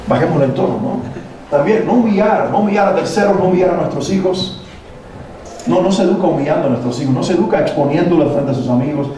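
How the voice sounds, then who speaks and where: Deep, mellow man preaching in an echoey hall. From Latin America. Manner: preachy, poses rhetorical questions to the audience. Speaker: speaker at a parenting workshop. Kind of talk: motivational talk to parents. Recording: very echoey hall, mic at a distance, faint noise.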